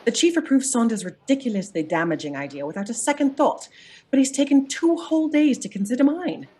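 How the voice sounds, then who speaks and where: A woman's voice: a little high, lively intonation, a little fast, a little mellow, slightly rough. A woman playing a self-assured aristocratic lady detective in a radio play, formal and articulate. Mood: frustrated.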